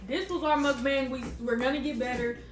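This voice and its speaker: High-voiced young woman hosting a vlog. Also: fairly even intonation, fairly quick, echoey room, far from the mic, background noise. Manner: playful, prankish, talks to the camera. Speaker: vlogger host. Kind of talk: casual family mukbang chat.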